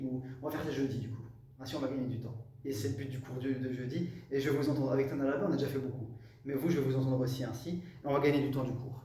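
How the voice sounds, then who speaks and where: A man's voice: medium pitch, mellow. Male teacher explaining in an echoey classroom. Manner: explains step by step, repeats terms, asks "ça va?". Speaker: Quran recitation teacher. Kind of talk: classroom lesson explaining Arabic letters. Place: classroom with students. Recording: roomy echo, distant mic, faint hum.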